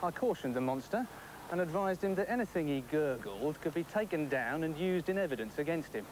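A man recounts a bedtime tale in the stiff, official manner of a police report, keeping a dry deadpan throughout. His voice sits a little high and moves lively across its range. It all comes through a worn VHS tape copy with a steady hiss. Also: fairly quick, rough recording. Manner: formal, mock-official deadpan. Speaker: father telling a bedtime story in an advert.

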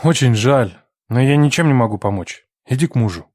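A woman's voice: a bass voice, animated, brisk, a little mellow, no room sound, studio quality, pitched below the performer's own voice. A woman reading an audiobook, voicing a cold, resentful man who is a former lover, with curt, clipped lines. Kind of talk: audiobook character voice.

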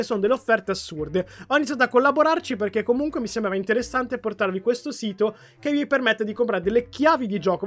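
A man hosting a Minecraft role-play video, chatting casually and yelping when things go wrong. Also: high-pitched. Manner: excitable, yelps and shouts when in trouble. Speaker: gaming video host.

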